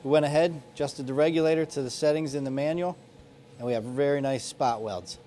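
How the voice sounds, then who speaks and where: A forties-aged welding instructor teaches a lesson as an instructional demonstration from an indoor workshop garage studio, laying out each step in practical, plain terms. He sounds a little high and mellow, speaking fairly quickly, and there's slight hiss or hum.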